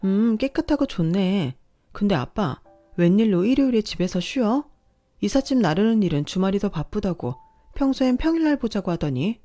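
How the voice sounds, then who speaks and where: Woman voicing a young wife and daughter, pointed questions, mellow dark tone. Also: medium pitch, lively intonation, normal speed, soft background music, voice pushed up, close to an everyday voice. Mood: cheerful. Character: the daughter narrator, a young married office worker, direct and suspicious. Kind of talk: scripted story reading.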